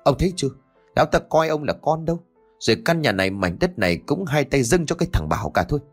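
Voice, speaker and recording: A man's voice: a little high, very animated, quick pace, soft background music, pitched above the performer's own voice. A man voicing a vicious daughter-in-law who shrieks and hurls abuse. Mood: shrieking fury. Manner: shrieking, abusive.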